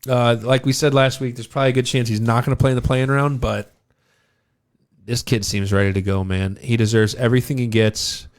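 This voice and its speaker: A man's voice: medium pitch, level tone, a little fast. A man co-hosting a podcast, talking sports in a laid-back way and getting fired up about players. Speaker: podcast co-host. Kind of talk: casual sports chat.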